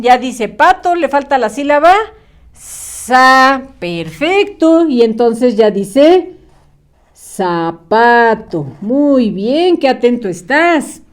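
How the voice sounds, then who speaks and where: A woman teaching a children's spelling lesson, encouraging and drawing out each syllable. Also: high voice. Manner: slow, encouraging, drawn-out syllables.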